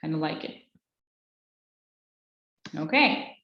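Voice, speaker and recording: A woman's voice: low-pitched, animated, slow, roomy sound, lo-fi sound. A woman, teaching an online English lesson in an encouraging way. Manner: encouraging, switches between English and Azerbaijani.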